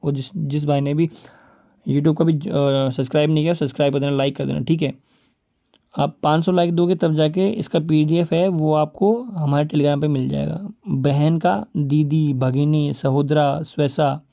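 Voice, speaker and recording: A man's voice: fairly high pitch, fairly even intonation, creaky, highs cut off. A man teaching an exam-prep vocabulary lesson, reeling off word lists and often repeating "ठीक है". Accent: Rajasthani Hindi. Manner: lists words rapidly, repeating "ठीक है" and "बोलते हैं"; addresses viewers as "दोस्तों" and "भाई".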